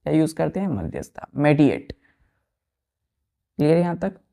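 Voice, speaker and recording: A woman's voice: low-pitched, sing-song, moderate pace, vocal fry, mellow. A woman teaching an English vocabulary lesson to students, spelling out words letter by letter and often checking that they follow. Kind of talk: slow classroom vocabulary lesson.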